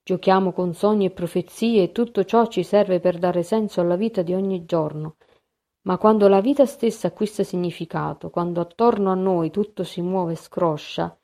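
A woman's voice: fairly low pitch, steady tone, moderate pace, dark tone, close to an everyday voice. A woman reading the part of a fussy, exasperated male mediator in an audiobook, in an emphatic manner.

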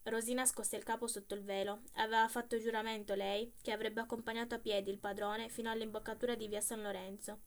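Donna dalla voce acuta che legge un racconto. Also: female voice, on the high side, level tone, fast, hardly any pauses. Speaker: reader. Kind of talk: literary story reading.

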